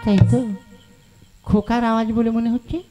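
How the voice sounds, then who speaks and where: A man's voice: very high-pitched, flat delivery, brisk. A man voicing a fiery, jealous middle-aged mother in a folk puppet show, scolding shrilly. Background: tabla and folk music.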